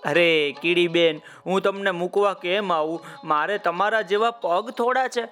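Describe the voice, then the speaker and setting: A man voicing a gentle talking mica stone that answers in slow sing-song rhymes. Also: sits high, faint music behind. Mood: friendly.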